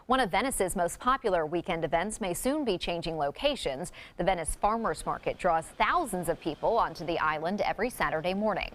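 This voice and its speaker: Lower-voiced female news anchor. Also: expressive, brisk, few pauses, a bit bright. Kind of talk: scripted news reading.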